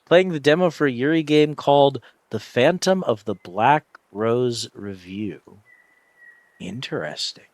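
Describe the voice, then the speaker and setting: A man's voice: medium pitch, expressive, a little slow, few pauses, a little mellow, dry recording. A man hosting a livestream, chatting casually over a game in a rambling, reflective way and often searching for words. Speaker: livestream host. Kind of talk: casual livestream chat while gaming.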